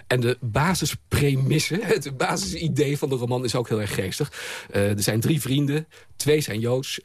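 A man's voice: mid-range voice, breathy edge, no room sound. A man reviewing a novel in a radio studio, speaking hesitantly with many filler sounds. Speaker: book critic.

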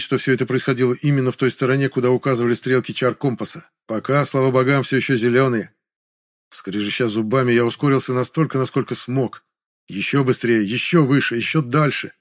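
A man narrating a first-person fantasy audiobook in a brisk, steady storytelling manner. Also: medium pitch.

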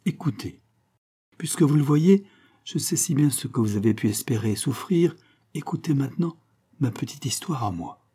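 A man's voice: mid-range voice, animated, moderate pace, dark tone, breathy edge, pitched above the performer's own voice. A man voicing a scheming woman posing as a countess in an audiobook, speaking in a theatrical, pleading manner. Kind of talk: audiobook character reading.

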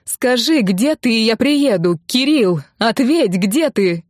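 A woman voicing a stern mother who is frightened and demands answers in a sharp, commanding voice. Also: on the high side, sing-song, a little slow, no echo, clean studio sound, pitched above the performer's own voice. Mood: desperate.

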